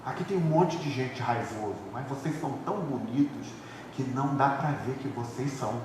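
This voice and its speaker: A man from Rio de Janeiro, a pastor preaching an animated sermon, swinging between loud and hushed and acting out members of his church. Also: medium pitch, normal speed, noisy background. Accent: Brazilian Portuguese, Rio de Janeiro. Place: large church hall. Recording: echoey church hall from far off.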